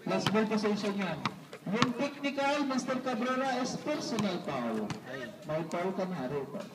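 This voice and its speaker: With a high, sing-song voice and unhurried pace, a man from the Visayas announces an amateur basketball game on an indoor court. He banters politely with coaches and players, adding "sir" and "po," while the distant, reverberant PA competes with loud crowd and game noise.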